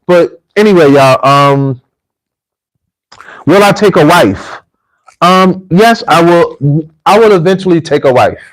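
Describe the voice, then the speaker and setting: On a low-quality recording, an American livestream host and repatriation coach speaks slowly with frequent pauses in an expressive, fairly high voice. He talks informally to viewers, relates anecdotes, and often repeats himself to drive points home.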